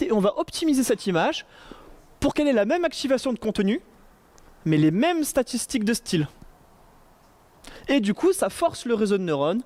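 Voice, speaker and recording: A man's voice: high voice, a little mellow. A man giving a casual, joking conference talk to an audience, chatty with many fillers and restarts. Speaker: conference speaker. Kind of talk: casual tech talk with slides. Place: conference room before an audience.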